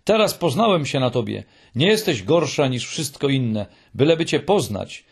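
A man voicing a small, excitable young male troll in a raised, eager voice, in an audiobook reading. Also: mid-range voice, normal speed, gravelly, slightly rough, heavily acted. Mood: dreamy.

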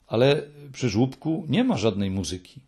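A man voicing a calm, low-voiced old priest. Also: normal speed, slightly rough. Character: calm older male parish priest.

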